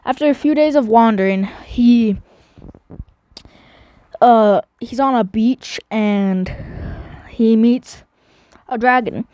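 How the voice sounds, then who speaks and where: A woman's voice: fairly high pitch, slow, long pauses, mellow, dry recording. A woman casually narrating a recap of her own animation series, rambling with many fillers and restarts.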